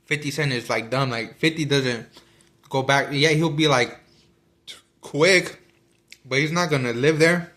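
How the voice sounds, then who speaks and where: A man's voice: medium pitch, normal speed, fairly bright tone. A man talking casually about a book he is reading, rambling with many fillers and restarts while he eats. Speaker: vlogger discussing a book. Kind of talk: casual chat.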